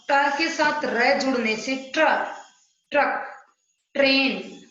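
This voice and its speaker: A woman teacher with a slightly high voice talks slowly and patiently, explaining each step and asking her pupils questions. Her voice rings with heavy echo in a bare room. The sound is dull and muffled, like a home recording. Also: fairly bright tone. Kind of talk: online Hindi grammar lesson.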